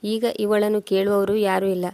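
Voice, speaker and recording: A woman's voice: mid-range voice, little pitch movement, normal speed, dark tone, dry recording, natural voice. A woman voicing a harsh, scornful old mother-in-law who scolds in cutting words.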